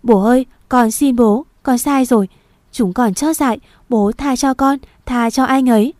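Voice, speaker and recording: A woman's voice: on the high side, unhurried, a little mellow, no room sound, studio quality, close to an everyday voice. A woman voicing a tearful pleading daughter. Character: frightened young daughter pleading with her father.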